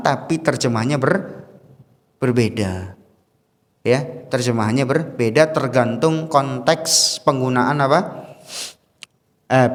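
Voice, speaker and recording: A man teaching a casual study lecture to a congregation, chatty and asking his listeners questions. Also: medium pitch. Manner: chatty, asks the audience questions, chuckles often. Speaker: religious teacher. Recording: long hall reverb.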